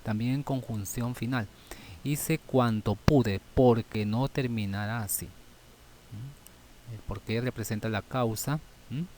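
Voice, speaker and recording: A man teaching a grammar lesson, thinking aloud and ending phrases with quick checking questions, with many fillers. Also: medium pitch, a little mellow, a little hiss or hum.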